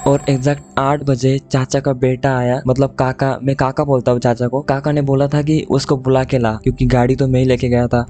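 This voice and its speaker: A man's voice: mid-range voice, dark tone. A young man casually telling a personal story, chatting to the listener as "bhai" throughout.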